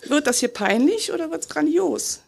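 A woman's voice: sits high, very animated, normal speed, creaky. A woman performing her own rhymed poem on a festival stage, with a rhythmic, self-mocking delivery. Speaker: slam poet. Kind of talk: rhymed poetry slam performance.

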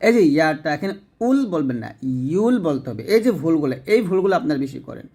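A man teaching Quran recitation, explaining pronunciation letter by letter and reciting slowly with drawn-out tones for listeners to repeat. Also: on the high side, very animated, a little mellow.

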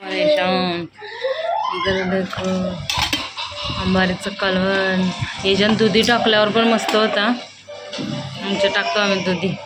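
A woman's voice: medium pitch, little pitch movement, measured pace, pauses often, over loud music. A young woman from Maharashtra, a mother filming a casual family vlog at home on a handheld phone, chatting straight to her viewers and coaxing her kids along. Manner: chatty, talks straight to viewers, coaxes children.

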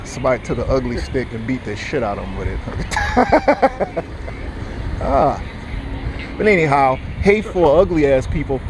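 A man's voice: mid-range voice, sing-song, moderate pace, long pauses, noisy background. A man ranting angrily and cursing as he walks outdoors, recording on his phone. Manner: angry, cursing, repetitive ranting. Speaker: vlogger. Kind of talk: profane walking rant to phone camera. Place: outdoors in a parking lot. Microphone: phone held while walking.

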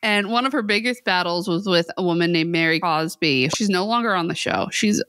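Bright-voiced woman podcast co-host. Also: on the low side, brisk, no room sound. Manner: laughs often, swears casually. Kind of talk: casual chat.

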